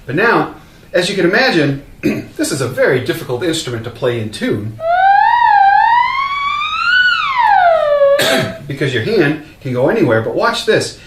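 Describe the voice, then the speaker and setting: A man casually demonstrating a vocal effects pedal, explaining in a relaxed way with fillers and restarts. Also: on the high side, fairly quick. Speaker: product demonstrator. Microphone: open vocal mic at a distance. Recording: roomy, distant mic, faint hum.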